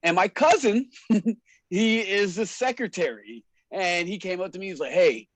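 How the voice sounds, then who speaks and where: A man's voice: high-pitched, lively intonation, measured pace, a bit bright, dry recording, poor audio. A man, a wrestler and show promoter, telling stories in a casual, slangy way and laughing often. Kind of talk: casual storytelling in a podcast interview.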